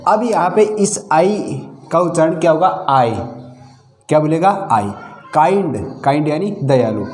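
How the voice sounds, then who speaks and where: A man's voice: a little high, expressive, unhurried, darkish tone. A man teaching basic English pronunciation, spelling words out letter by letter and checking in with "okay" after each point. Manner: spells words letter by letter, repeats with "thik hai". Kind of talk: step-by-step pronunciation lesson. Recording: echoey room.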